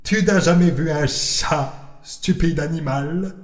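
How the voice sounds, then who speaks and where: A man's voice: fairly high pitch, takes it slowly, reverberant, pitched above the performer's own voice. A man doing Salem, a whiny sly cat. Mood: scornful. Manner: grumbling, dramatic inner thoughts.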